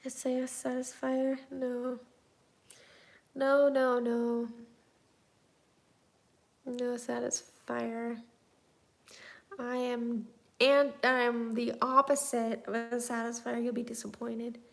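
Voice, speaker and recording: A woman in her thirties, hosting a casual livestream, reads out viewer comments and replies. Her slightly high, gravelly voice moves little in pitch, and she speaks slowly with frequent pauses.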